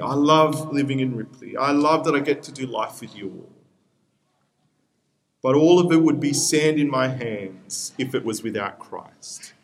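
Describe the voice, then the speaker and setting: Speaking at a medium pitch with slight background noise, this young man from Peru preaches as a pastor. Spanish is his first language, and his sermon is earnest, with appeals made again and again.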